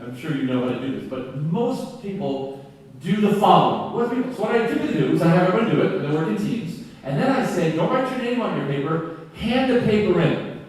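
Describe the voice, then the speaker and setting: A man giving an enthusiastic, animated conference keynote, acting out classroom exchanges as he teaches. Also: high-pitched. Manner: animated, enthusiastic, acts out dialogue. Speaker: keynote speaker. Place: lecture hall. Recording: echoey hall from far off.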